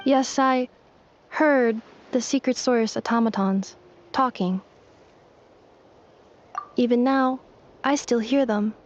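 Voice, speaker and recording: High-voiced, clipped, literal robot girl. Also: slow pace, long pauses, slight background noise. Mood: calm, analytical. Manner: clipped, machine-like, formal. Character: polite young robotic girl, calm, literal, analytical. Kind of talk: anime game voice acting. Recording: slightly dull game capture with music.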